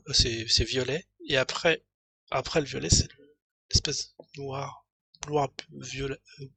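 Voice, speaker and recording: While streaming, a man reads a news article aloud, rambling through it and thinking aloud with lots of fillers and asides. His medium-pitched voice is husky, bright, and pushed, with vocal fry. He has a slight head cold and his throat is starting to go, and there's no echo.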